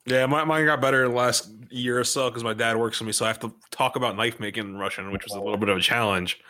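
A man's voice: medium pitch, steady tone, quick pace, sharp tone. A man co-hosting a casual podcast chat, telling stories and acting out dialogue. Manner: storytelling, acts out dialogue with "I'm like". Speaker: podcast co-host.

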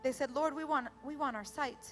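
Very high-voiced woman interpreting a sermon. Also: moderate pace, over music. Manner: energetic, echoing the preacher phrase by phrase.

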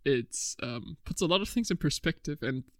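A man's voice: on the high side, animated, moderate pace, a bit bright, dry recording, clean studio sound. A man in his twenties hosting a casual podcast chat, rambling and laughing often. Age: 20s. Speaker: podcast host.

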